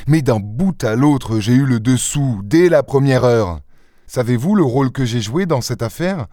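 A man voicing a proud, quick-tempered young gentleman burglar in an audiobook, speaking in a scornful, theatrical way. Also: mid-range voice, expressive, dry recording, studio quality, lightly acted. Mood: mocking. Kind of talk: audiobook character reading.

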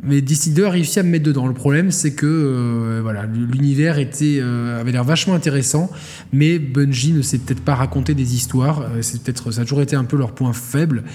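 Male gaming-podcast co-host, rambling, filler-heavy, dark tone, hall reverb. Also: medium pitch, brisk. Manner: rambling, many fillers and restarts. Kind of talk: casual gaming podcast chat.

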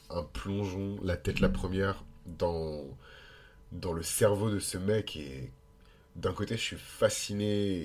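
Low, nasal, congested Frenchman thinking aloud. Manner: informal, hesitant, thinking aloud. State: blocked nose. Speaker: astrology podcast host. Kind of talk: casual explanatory monologue with digressions.

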